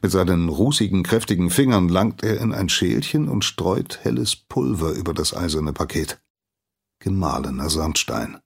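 A man narrating a scripted story in a measured storytelling manner. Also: low-pitched, expressive, vocal fry, husky.

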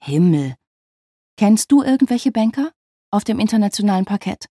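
A reader doing a playful, teasing man in a storybook. His voice is mellow and husky, with a dry, close sound. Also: medium pitch, sing-song, normal speed, dry recording, pitched above the performer's own voice. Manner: teasing, mocking banter.

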